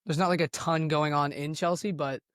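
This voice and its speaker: Easygoing male comic guest telling stories, a touch high-pitched, dry close sound. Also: steady tone, brisk, fairly bright tone, dry recording. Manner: laid-back, easygoing storyteller. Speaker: comedian guest. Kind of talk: casual podcast chat.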